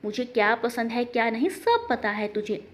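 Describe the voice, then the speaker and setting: A woman's voice: a little high, expressive, moderate pace, pitched below the performer's own voice, close to an everyday voice. A woman voicing a young male forest officer who is friendly and fond of the girl.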